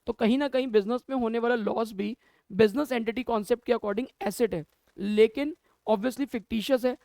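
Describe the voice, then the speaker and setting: Recorded on a camera mic with no room sound, a male commerce teacher with a very high-pitched, creaky voice teaches accounting. He addresses the students, poses questions he then answers himself, and blends Hindi with English terms.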